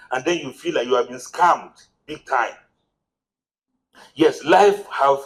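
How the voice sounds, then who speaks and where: A Nigerian man with a fairly high voice gives a motivational marriage seminar. He preaches in a run of rhetorical questions and climbs into animated, exclaiming stretches. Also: poor audio.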